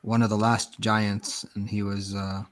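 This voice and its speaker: Male panel guest, lowish voice, casual and halting, feeling his way through sentences. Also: flat delivery. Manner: hesitant, halting. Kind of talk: casual discussion.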